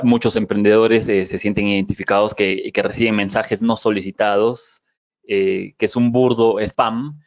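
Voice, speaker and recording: A man's voice: on the low side, dry recording. Hesitant male interviewer, dry lo-fi sound. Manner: hesitant, many fillers and restarts while framing questions. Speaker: podcast interviewer. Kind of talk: conversational interview.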